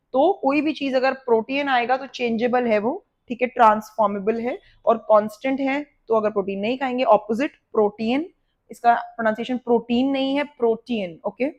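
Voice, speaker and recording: A woman with an Indian accent teaches a vocabulary lesson, her voice sitting a little high. She explains each word with memory tricks and repeats them. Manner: lively explaining with repetition.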